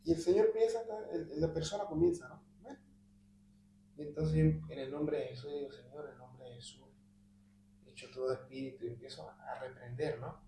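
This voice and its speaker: A man's voice: fairly high pitch, creaky, dark tone. A man in a Bible study group recounting a personal experience, dropping almost to a whisper when he quotes his prayers. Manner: vivid storytelling that drops to a near-whisper when quoting prayers. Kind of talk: telling a personal story in conversation. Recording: echoey room with faint hum.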